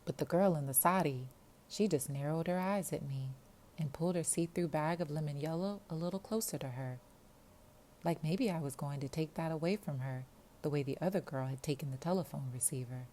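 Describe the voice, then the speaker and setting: A woman reading a novel aloud with steady, expressive storytelling. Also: low-pitched, a little fast. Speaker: audiobook reader. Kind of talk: audiobook narration.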